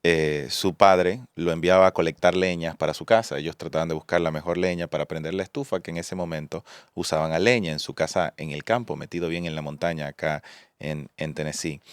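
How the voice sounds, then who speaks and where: Steady low-voiced podcast host. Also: male voice, clean tone, no room sound, studio quality. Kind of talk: storytelling and podcast sign-off.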